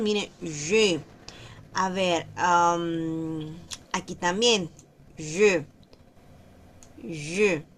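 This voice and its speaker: Woman, teacher, unhurried, patient, repeats each word, online class. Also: lowish voice, slight background noise. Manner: slow and patient, repeats words to model pronunciation. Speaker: French teacher.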